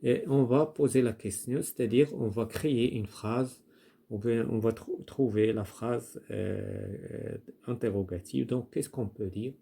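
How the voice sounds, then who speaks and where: A man teaching a primary-school French grammar lesson, explaining slowly and repeating himself while he writes out the examples. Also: mid-range voice, vocal fry, dark tone, slightly rough. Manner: slow, repetitive explaining with restarts and fillers.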